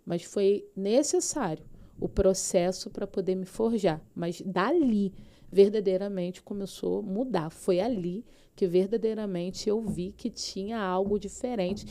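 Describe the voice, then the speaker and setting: A woman's voice: medium pitch, measured pace, mellow. A woman pastor with a Brazilian Portuguese accent, telling her personal faith testimony as a podcast guest with fervent, vivid storytelling.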